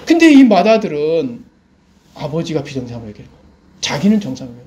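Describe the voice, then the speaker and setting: A male pastor preaching a sermon, his voice sitting high and swinging widely in pitch. He keeps asking the congregation questions and answering them himself. He sounds middle-aged. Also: big pitch swings, brisk, mellow, a little hiss or hum.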